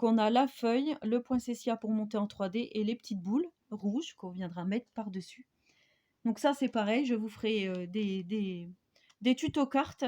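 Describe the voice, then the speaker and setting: A woman's voice: on the high side, warm tone. A woman casually showing craft supplies in a vlog, chatty and hesitant with many fillers. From France. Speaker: crafting vlogger. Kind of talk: casual product haul.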